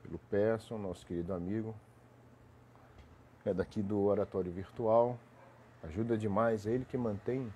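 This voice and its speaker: A man with a head cold hosts a casual live stream, his low, dark and mellow voice thick with congestion. He rambles along with restarts and tag questions, greeting viewers between thoughts, over a faint hiss of background noise. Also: fairly even intonation, normal speed, long pauses.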